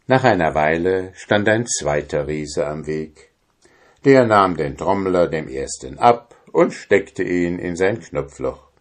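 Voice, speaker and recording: A man reading a fairy tale aloud in a measured, calm storytelling manner. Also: low voice.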